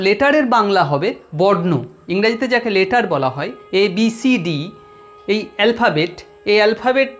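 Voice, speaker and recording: A Bengali grammar teacher with a West Bengal accent, giving an exam-prep lesson in a deliberate way, repeating key terms and speaking straight to the students. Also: medium pitch.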